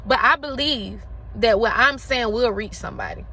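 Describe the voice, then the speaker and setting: A woman's voice: fairly high pitch, moderate pace, pushed and bright, husky. A woman around forty giving an emphatic, impassioned motivational talk, repeating phrases for effect.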